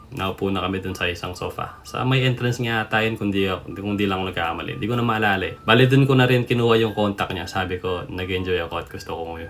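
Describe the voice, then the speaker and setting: A man's voice: on the low side, a bit bright, a little hiss or hum. A man from the Philippines telling a personal story in a chatty, casual way, often calling the listener "boy".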